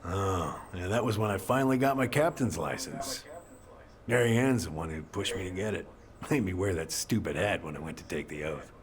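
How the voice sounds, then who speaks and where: An actor playing a gruff, middle-aged American boat captain, grieving and defensive, in a dramatic video game. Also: male voice, low-pitched, normal speed, crowd noise. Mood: wistful, subdued.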